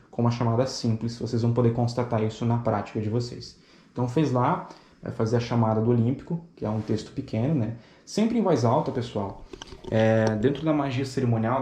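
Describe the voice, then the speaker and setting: Calm man teaching in an echoey room. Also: medium pitch. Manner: calm, patient, explains step by step with frequent "né" and "tá". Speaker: teacher of ceremonial magic. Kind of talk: spoken lesson.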